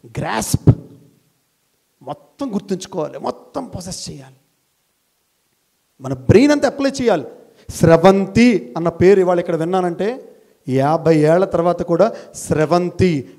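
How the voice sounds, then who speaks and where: Animated high-voiced man lecturing students. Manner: animated, scolding, teasing the audience; mixes English phrases into speech. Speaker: motivational speaker. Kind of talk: motivational talk to students. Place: college hall.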